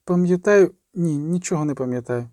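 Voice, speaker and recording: A man's voice: on the high side, normal speed, warm tone, no echo, studio quality, voice pushed up, natural voice. A man voicing a stubborn young princess who answers reluctantly and evasively.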